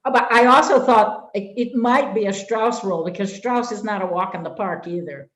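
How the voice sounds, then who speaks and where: A woman's voice: medium pitch, moderate pace, fairly bright tone. An older woman hosts a conversation with a singer, her voice sitting in an ordinary middle register. She talks in a chatty, reminiscing way, dotted with fillers. The recording carries a noticeable room echo from a video call. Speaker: host and voice teacher. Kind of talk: conversational interview.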